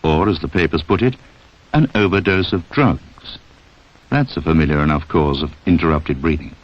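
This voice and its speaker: An extremely low-pitched man narrates a 1960s public information film at a moderate pace. His scripted style speaks directly to the listener, captured on a dull, band-limited 1960s film soundtrack.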